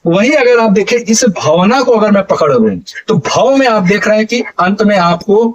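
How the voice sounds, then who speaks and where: A man's voice: sits high, expressive, normal speed, highs cut off. A man teaching an online exam-prep lesson, asking his viewers questions and answering them himself, drawing out the key syllables. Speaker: Hindi teacher.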